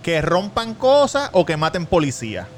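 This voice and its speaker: A man with a Puerto Rican accent co-hosting a casual podcast chat, loud and animated, swearing freely and sometimes shouting. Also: a little high, normal speed, slight background noise. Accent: Puerto Rican Spanish. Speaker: podcast co-host.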